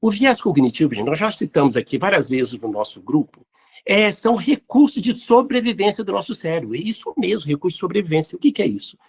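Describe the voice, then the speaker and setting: A man's voice: high-pitched, sing-song, fast talker, vocal fry, breathy edge. A man, hosting and answering listener questions in an explanatory talk on neuroscience and spirituality. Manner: didactic, addresses listeners directly.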